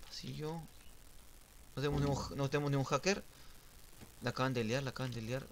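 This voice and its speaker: A young man streaming a game, giving casual live commentary that swings from muttering to sudden shouts and sing-song teasing. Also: mid-range voice, fairly quick, a little hiss or hum. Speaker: gaming streamer.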